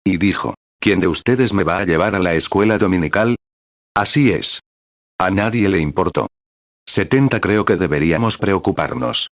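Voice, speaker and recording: A man reading a translated sermon aloud, moving into a prayer, in a solemn and measured way. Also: sits low, dry recording, clean studio sound. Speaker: Spanish voice-over translator of a sermon.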